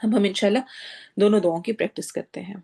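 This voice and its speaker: A woman teaches Quran recitation in a calm, step-by-step way. Her voice is dark and mellow, and her pitch sits in the middle range. She slows right down and stretches each word when she demonstrates it. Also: vocal fry. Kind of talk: recitation lesson with explanation.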